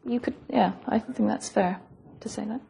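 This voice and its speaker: A woman's voice: on the high side, moderate pace, vocal fry, dark tone. A woman giving an academic lecture, explaining in a thoughtful, professorial way, hesitating and repeating phrases as she goes. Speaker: physics lecturer. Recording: noisy lecture recording with clicks.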